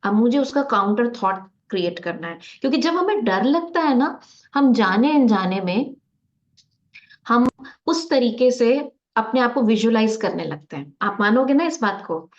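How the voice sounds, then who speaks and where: A woman's voice: fairly high pitch, expressive, moderate pace. A woman lecturing on psychology in a conversational, motivational style, often asking her listeners rhetorical questions. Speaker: guest speaker on psychology. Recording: slightly dull, lo-fi recording.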